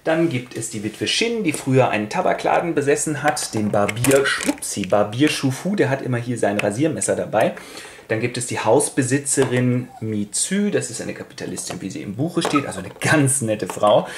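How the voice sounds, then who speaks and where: A man hosting a casual, playful retelling of a play with toy figures, talking briskly. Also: medium pitch, expressive, reverberant, noisy background. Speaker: host.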